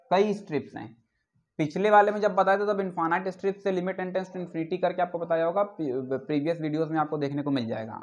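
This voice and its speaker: A male maths teacher giving a classroom lecture, often asking if students follow and dictating definitions slowly. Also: a little high. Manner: keeps asking if students follow, repeats key terms. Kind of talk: classroom lecture on real analysis.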